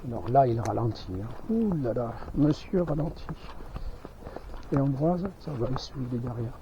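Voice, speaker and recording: A man's voice: mid-range voice, expressive, normal speed. A man giving casual running commentary outdoors in the countryside, chatting to his animals as he walks. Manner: chatty, talks to his animals while walking. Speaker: vlogger traveling with animals. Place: outdoors in a rural village and countryside. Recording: dull lo-fi outdoor audio with faint noise.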